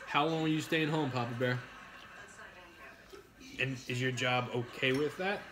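A man's voice: medium pitch, fairly even intonation, measured pace. A man in his thirties chatting casually on a live stream at his kitchen table while eating, crude and joking, reading out viewer names. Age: 30s. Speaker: mukbang streamer. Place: home kitchen at a dining table.

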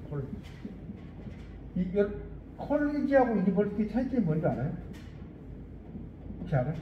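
A man teaching an English lesson to students, explaining in Korean, reading English lines slowly and often checking that they follow. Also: high voice, slight background noise. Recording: echoey room, dull muffled sound.

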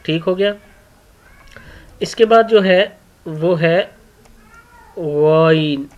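Male teacher, unhurried, drills each sound for young pupils; muffled lo-fi sound. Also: high voice. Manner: repeats each sound many times, clears throat often. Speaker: Quran reading teacher. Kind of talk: slow letter-by-letter lesson for children. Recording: dull lo-fi recording.

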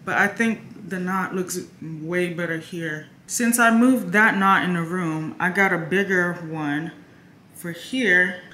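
A woman's voice: on the low side, bright, forceful tone, echoey room, slight background noise. Chatty young woman vlogging at home. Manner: chatty, addresses viewers as "y'all". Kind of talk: casual vlog chat to camera.

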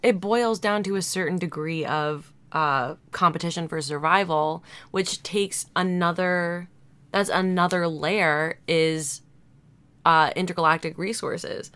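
A woman's voice: on the low side, a little slow, a bit bright, smooth. A woman chatting casually as a podcast co-host. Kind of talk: casual conversational chat.

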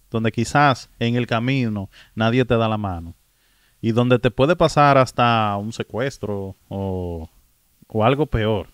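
A man's voice: on the low side, dry recording. A man with a Dominican accent hosting a reaction video, talking emphatically to his viewers and repeating phrases for effect. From Dominican Republic. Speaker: host, reaction commentator.

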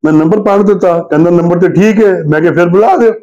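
A man's voice: sits high, fast, dark tone. Older man acting out a phone joke. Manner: acts out both sides of a phone call, switching voices. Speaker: joke teller. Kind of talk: storytelling a comic phone call. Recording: dull lo-fi recording.

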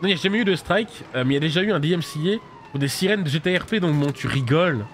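Male streamer, high voice, very animated delivery, quick chatty reactions during live gameplay. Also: a little hiss or hum. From France. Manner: animated, chatty, laughs often, reacts loudly. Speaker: streamer playing a video game. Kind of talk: casual live gameplay commentary.

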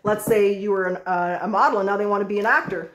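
A woman giving a casual tarot reading, chatty and excitable, who swears freely. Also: medium pitch, quick pace, reverberant, slight background noise. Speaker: tarot reader.

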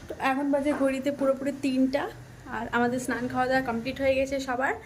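A woman's voice: high voice, flat delivery, fast talker, slight background noise. A young woman vlogger chatting casually to the camera as she walks viewers through her household chores. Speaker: lifestyle vlogger. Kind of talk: casual vlog narration to camera.

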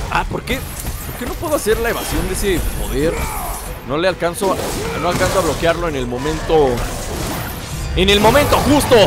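Mexican man doing chatty gameplay commentary, teasing and playful, fairly high voice, game music behind. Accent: Mexican Spanish.

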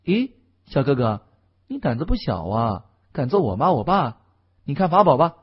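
A man voicing a spoiled, bold teenage girl who answers back in quick, pert, high-pitched retorts. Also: big pitch swings, breathy edge, highs cut off. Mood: defiant.

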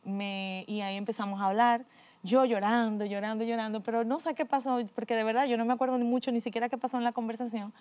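A middle-aged woman, earnestly telling her personal faith testimony, often dropping to a quiet voice. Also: a little high, fairly even intonation, quick pace. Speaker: guest giving a testimony.

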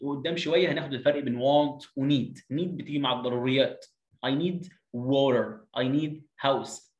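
Fast-talking Egyptian man teaching English. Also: mid-range voice, dull audio. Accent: Egyptian Arabic. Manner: drills pronunciations by repeating words slowly. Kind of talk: online English lesson. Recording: roomy echo.

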